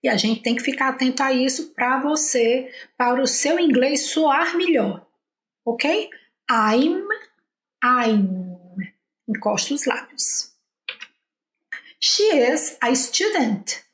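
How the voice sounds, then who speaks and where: A woman with a Brazilian accent and a high, bright-pitched voice teaches a language lesson. She explains patiently and drills short sentences at an unhurried pace. Her voice rings a little in an echoey room. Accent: Brazilian Portuguese. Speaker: English teacher.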